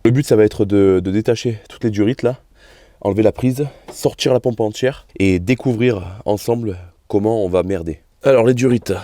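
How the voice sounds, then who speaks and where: A man's voice: fairly low pitch, warm tone, dry recording. A young man casually vlogging about his car, swearing often and thinking aloud as he works in his garage. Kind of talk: casual vlog commentary.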